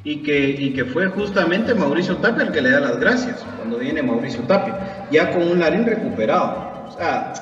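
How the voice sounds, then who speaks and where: A man's voice: fairly high pitch, expressive, moderate pace, few pauses, fairly bright tone. A man co-hosting a casual sports podcast, explaining points firmly and repeating them. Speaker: podcast co-host. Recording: roomy, distant, dull audio with faint music.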